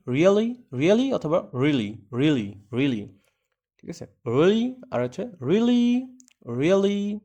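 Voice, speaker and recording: A man's voice: medium pitch, gravelly, a little mellow. A Bengali-speaking man teaching English pronunciation in a casual screen-share tutorial, repeating each word several times for drilling. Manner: repeats words slowly for drilling, conversational asides.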